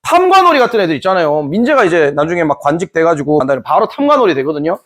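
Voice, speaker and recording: A man's voice: on the high side, sing-song, very fast, a bit bright. A man teaching a history class in a playful, joking way, acting out scenes. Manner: playful, jokey, acts out scenes. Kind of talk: lively classroom lecture.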